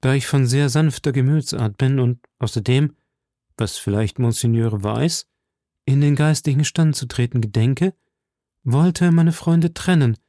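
A man voicing a gentle, pious young musketeer in an audiobook, speaking softly and modestly. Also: medium pitch, no room sound, clean studio sound. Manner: soft, modest. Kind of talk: audiobook reading.

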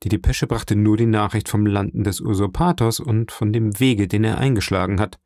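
A man's voice: fairly low pitch, normal speed, darkish tone, no echo, clean studio sound, lightly acted. A man voicing a distraught police minister in an audiobook reading, anxious and apologetic.

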